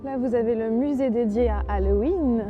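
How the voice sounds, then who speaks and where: A woman's voice: fairly high pitch, normal speed, narrow, tinny audio, music in the background. A woman narrating a casual travel vlog in a chatty, enthusiastic way, with many fillers. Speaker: travel vlogger.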